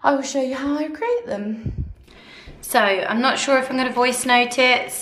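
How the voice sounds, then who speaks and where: Croaky woman chatting through a craft tutorial. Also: high-pitched, normal speed, fairly bright tone, slight background noise. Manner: rambling, conversational, many fillers. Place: room at home under ceiling spotlights. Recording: echoey room.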